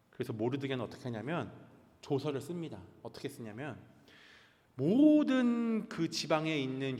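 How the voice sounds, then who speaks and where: Male pastor, lively storytelling sermon, fairly high voice, long church hall echo. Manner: animated, dramatic storyteller asking the congregation questions. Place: church sanctuary.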